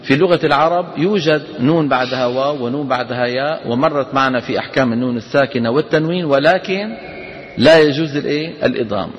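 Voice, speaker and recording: A man's voice: mid-range voice, fast talker. A man lecturing a class on Quran recitation rules, explaining and quizzing students with prompt questions. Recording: dull lecture recording in a reverberant hall.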